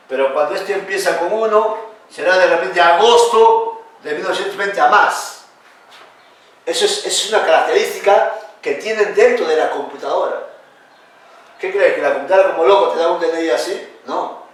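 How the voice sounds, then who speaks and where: A man lectures a class in an animated, questioning way, his voice a little high for a man. He sounds set back from the mic in a very echoey classroom. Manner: animated, questioning, addresses students as "hijo". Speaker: teacher. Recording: echoey room, speaker far from the mic.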